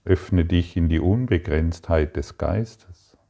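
Slow, deep-voiced calm spiritual teacher. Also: male voice, creaky. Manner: slow, calm and soothing, with long pauses. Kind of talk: meditative spiritual talk.

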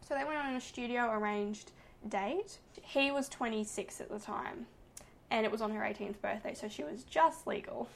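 A woman's voice: a little high, normal speed, vocal fry, slight background noise. A woman co-hosting a podcast, chatting casually and gushing like a gossipy storyteller. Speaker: podcast co-host. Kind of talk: casual chat.

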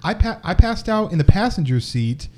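A man's voice: high voice, normal speed, a little hiss or hum. A young man co-hosting a podcast, telling a story in casual, profane chat and laughing as he goes. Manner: animated, profane, laughs through his story. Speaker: podcast co-host.

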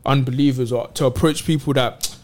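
A man in casual faith discussion on a podcast, animated and slangy, retelling Bible stories in street talk. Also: mid-range voice, brisk. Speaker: podcast co-host.

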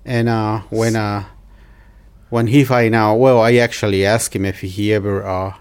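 A man from Mexico, a restaurant owner being interviewed, speaking hesitantly with many pauses and restarts. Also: fairly low pitch, flat delivery, clean tone. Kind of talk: casual interview.

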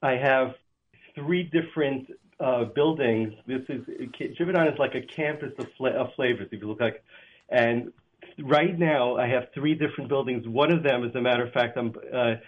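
A man on a speakerphone call, a kosher supervisor at a flavor plant, speaking in a halting way as he searches for words. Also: mid-range voice. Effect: phone on speakerphone. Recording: tinny phone line.

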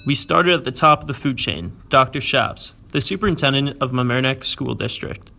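Student reporter, teenage boy: earnest scripted read, a bit of fry. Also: mid-range voice, a little fast, bright, forceful tone, a little hiss or hum. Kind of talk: scripted narration.

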